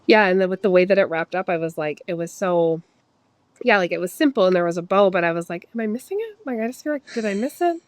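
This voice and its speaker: A woman's voice: lowish voice, fast talker, no room sound. A woman chatting casually as an interview guest, rambling as she thinks aloud and voices imagined reactions. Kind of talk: casual chat.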